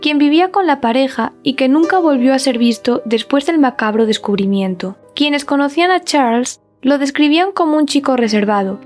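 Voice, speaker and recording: A woman's voice: sits high, a little mellow. A woman reading a scripted true-crime narration.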